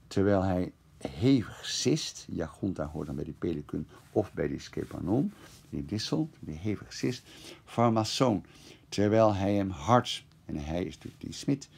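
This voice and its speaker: A male teacher talks through a translation one word at a time and reasons aloud as he goes. His voice sits very low and has a gravelly, creaky edge. Beneath it runs a husky grain. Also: a little mellow. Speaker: classics teacher. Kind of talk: screencast lesson translating Greek verse.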